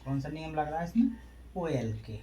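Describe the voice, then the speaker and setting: A man teaching English in Hindi speaks a little fast, his fairly high, dark-toned voice lively in intonation, over a faint hiss or hum. In this classroom lesson, he questions and answers himself and spells out letters individually.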